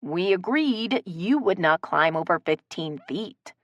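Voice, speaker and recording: A woman's voice: sits high, normal speed, dry recording, muffled recording, voice pushed up. A woman voicing a protective, hot-tempered tree-climbing woman who barks orders like a drill sergeant. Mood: clenched anger. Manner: commanding, strained calm.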